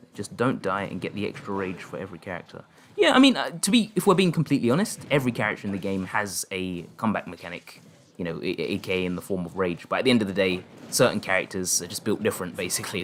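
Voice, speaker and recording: A man's voice: fast talker, slight background noise. A man streaming online fighting matches, calling the plays and chatting with viewers, his voice jumping up when a big moment lands. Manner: excitable play-by-play, pitch jumping up on big moments, laughing often. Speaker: streamer and commentator. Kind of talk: live-stream game commentary and chat.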